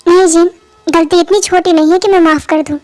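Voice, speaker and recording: A woman's voice: very high voice, fairly even intonation, a little fast, a little mellow. A woman voicing a stern, bitter angry father. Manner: harsh, cold, scolding. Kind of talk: fan-made audio drama dub.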